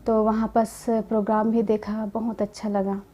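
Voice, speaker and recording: Soft-spoken woman telling her story. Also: mid-range voice, little pitch movement, normal speed. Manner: gentle storytelling, quoting dialogue in her own voice. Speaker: spiritual community member sharing her experience. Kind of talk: personal testimony.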